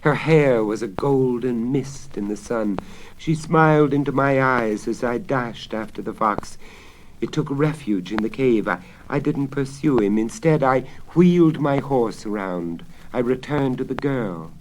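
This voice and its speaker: A man's voice: medium pitch, unhurried, close to an everyday voice. A man voicing a desperate, lovesick king with impassioned, commanding theatrical delivery in a storybook reading on crackly vinyl. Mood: wistful. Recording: crackly 1970s vinyl spoken-word record.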